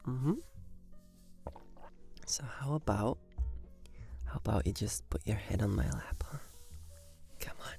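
A man in a whispered role-play as a tender, soothing boyfriend, murmuring sweet nothings in a soft, breathy voice. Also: lowish voice, takes it slowly, pauses often, faint music behind.

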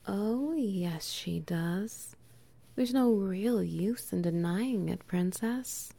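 A young adult woman whispering softly and teasingly in an intimate audio roleplay, with quiet laughs between phrases. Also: mid-range voice, drawn-out words, creaky, no echo.

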